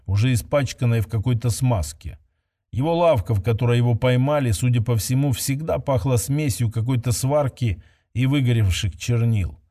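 A man reading a science-fiction story aloud as narrator, steady and even. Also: medium pitch. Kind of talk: scripted audiobook narration.

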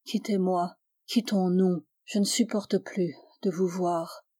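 A woman's voice: lowish voice, steady tone, slow, mellow. A woman voicing an anguished, fervent young woman who was once blind, speaking with pleading intensity that rises to vehemence, in an audiobook. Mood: despairing.

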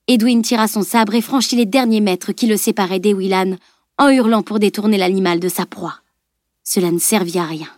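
A woman reading a novel aloud as audiobook narrator, in a measured, even storytelling voice. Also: mid-range voice, no room sound, clean studio sound.

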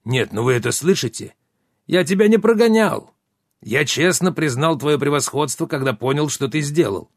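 A man's voice: fairly high pitch, lively intonation, moderate pace, no echo, clean studio sound, voice pushed up. A man voicing a touchy, grumpy old wizard who scolds his apprentice in theatrical outbursts. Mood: indignant.

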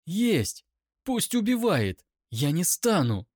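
Storybook heroine: a defiant young wolf-woman with a high, strained voice, put on by a male narrator. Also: sing-song, drawn-out words, a little mellow, no echo, clean studio sound, heavily acted.

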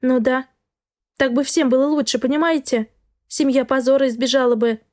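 A woman's voice: sits high, fairly even intonation, moderate pace, a little mellow, no room sound, clean studio sound, natural voice. A woman voicing a tearful, frightened young girl. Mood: desperate. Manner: sobbing, pleading, breathless. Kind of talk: audiobook dialogue.

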